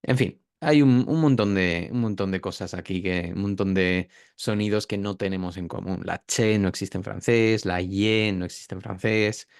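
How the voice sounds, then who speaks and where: Guy teaching pronunciation, lowish voice, smooth and clear, dry close sound. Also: normal speed, few pauses, no echo. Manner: demonstrates sounds by drawing out words. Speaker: pronunciation teacher, interview guest. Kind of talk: explanatory interview talk.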